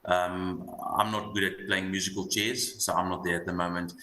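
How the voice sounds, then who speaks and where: A low-pitched, bright-edged man speaks with a broad Afrikaans South African accent. He talks markets off the cuff, stopping and doubling back on words. The room is echoey with faint noise. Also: flat delivery. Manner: halting, repeats words as he thinks. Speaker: investment analyst guest. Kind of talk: unscripted market commentary. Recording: roomy echo, light background noise.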